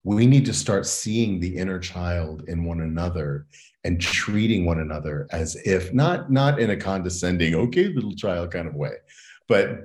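An educator and consultant talks through an interview in a low, darkish voice. He's earnest and thoughtful, regularly adding "right?" to check in.

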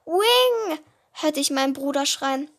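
A woman reading her own story aloud, halting and often restarting words. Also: high voice. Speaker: storyteller of a podcast-style series.

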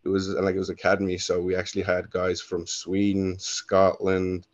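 A man's voice: low-pitched, monotone, moderate pace, dry recording. A young Irish man telling his story as a podcast guest, in a laid-back, rambling way that keeps correcting itself. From Ireland. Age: young adult. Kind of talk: casual interview storytelling. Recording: dull lo-fi dry sound.

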